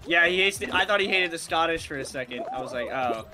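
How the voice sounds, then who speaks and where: A man's voice: fairly high pitch, expressive, loud music behind the voice. A man from New Jersey joking around while playing a game with a friend, teasing and bantering. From New Jersey, USA. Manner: joking, teasing, talks fast. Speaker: guest gamer. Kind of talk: casual gaming banter.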